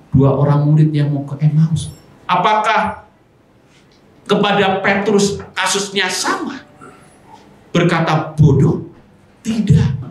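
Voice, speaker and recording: Slow-preaching pastor in an echoey hall. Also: male voice, sits high, fairly bright tone. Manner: preaching to a congregation, acting out quoted speech. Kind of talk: sermon.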